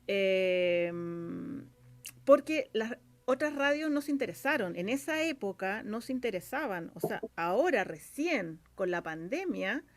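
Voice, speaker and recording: A woman with a Chilean accent, a radio drama scriptwriter, is a guest in a casual interview, talking a little slowly in a mid-range voice with big swings in pitch. She's chatty and rambling, leaning heavily on filler phrases.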